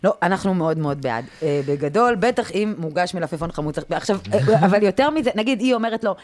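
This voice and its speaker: Lively woman telling stories. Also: on the low side. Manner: lively storytelling, acts out quoted voices. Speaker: radio co-host. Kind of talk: casual banter.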